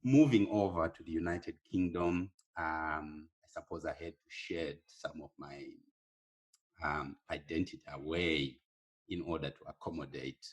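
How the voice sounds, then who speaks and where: A middle-aged man with a Zimbabwean accent, a podcast guest speaking slowly and hesitantly with many pauses. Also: a bass voice. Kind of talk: casual podcast interview.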